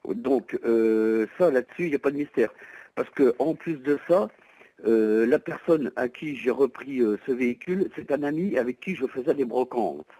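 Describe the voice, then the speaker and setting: Speaking by telephone from his home, a private seller of a used van explains the details in a hesitant, long-winded, courteous manner. His voice is mid-range and mellow at a moderate pace, and the audio quality is poor.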